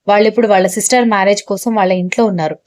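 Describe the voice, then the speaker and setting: Matter-of-fact household head maid, voiced by a woman narrator, quick. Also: medium pitch, a little mellow, no room sound, lightly acted. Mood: firm.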